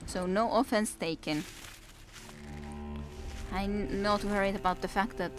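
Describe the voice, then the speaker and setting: This Finnish-accented streamer has a steady, mid-range voice and keeps a measured pace. As game music runs in the background, she offers loose, wry commentary on her play and chats with viewers and herself.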